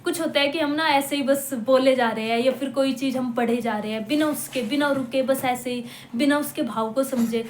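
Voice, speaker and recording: Woman teacher in an echoey room. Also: high-pitched. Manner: explains patiently, repeats example words slowly, checks in with listeners. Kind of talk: classroom-style lecture. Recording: echoey room with faint hum.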